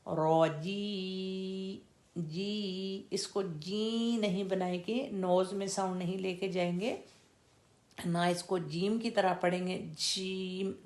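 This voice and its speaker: A woman teaching Quran recitation in a slow, deliberate lesson, stretching out and repeating each syllable to show how it is said. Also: medium pitch, steady tone, darkish tone. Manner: drawn-out demonstration of each syllable.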